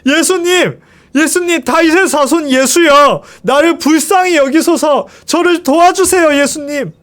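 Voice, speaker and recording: A man's voice: very high voice, a little slow, voice pushed up. A man crying out as a desperate blind beggar. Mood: pleading cries. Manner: pleading, shouting desperately.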